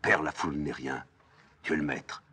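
A man's voice: a bass voice, fairly even intonation, moderate pace, pushed and bright, slightly rough, heavily acted. A man reading a play aloud, voicing an anguished young man crying out to his father. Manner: desperate cries.

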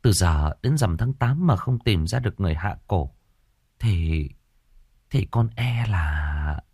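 A man voicing a tired young village healer woman who speaks calmly and haltingly. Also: low voice, breathy edge, no echo, studio quality, exaggerated voice. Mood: weary. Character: young female village healer, weary and calm.

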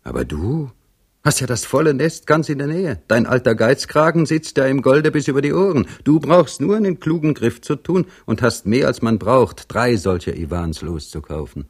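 A sly, embittered manservant who grumbles about his lot, as a male reader puts him on. The voice sits higher than the narration and keeps a husky edge. Each line drips with sarcasm. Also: expressive, normal speed. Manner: sarcastic, complaining.

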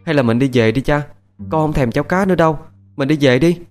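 A man voicing a bright, eager little fisherman's girl in a high, childish pleading voice, for a told ghost story. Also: fast, faint music behind, natural voice.

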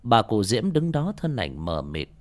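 A man's voice: fairly low pitch, very animated, a little slow. A man narrating a horror story with dramatic, swinging intonation.

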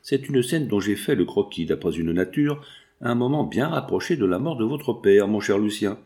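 A man voicing a calm, watchful male painter who explains things in a measured, deliberate way. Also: on the low side.

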